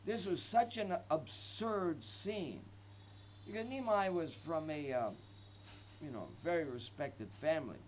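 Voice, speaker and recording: A man telling a devotional story, slow and hesitant with frequent pauses and asides. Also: on the high side, lively intonation, slight background noise, rough recording.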